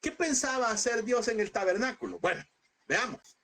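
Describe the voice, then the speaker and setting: Earnest high-voiced man. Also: normal speed, creaky, fairly bright tone. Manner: earnest, addresses listeners as brother. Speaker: Bible seminary teacher. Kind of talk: teaching with a personal testimony.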